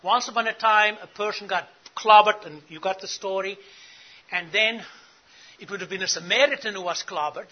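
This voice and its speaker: This conference speaker, a middle-aged man from South Africa, teaches church leaders earnestly and poses questions to his listeners. He talks at a normal speed in a high-pitched voice, and the audio sounds dull.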